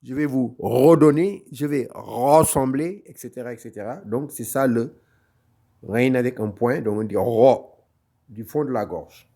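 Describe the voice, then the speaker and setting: A man's voice: mid-range voice, unhurried, warm tone. A man teaching a Quran reading lesson, patiently repeating each letter sound and explaining where it is made in the mouth. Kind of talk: slow online lesson.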